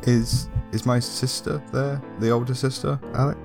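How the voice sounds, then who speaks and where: A man's voice: medium pitch, level tone, moderate pace, vocal fry, over music. A man playing a tabletop role-playing game, talking casually in and out of character.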